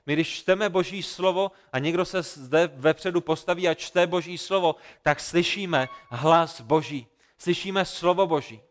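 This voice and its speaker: A man delivers a sermon, retelling scripture with earnest, emphatic repetition. His voice is smooth and clear. It sits a little higher than most men's. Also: a bit bright. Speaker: pastor.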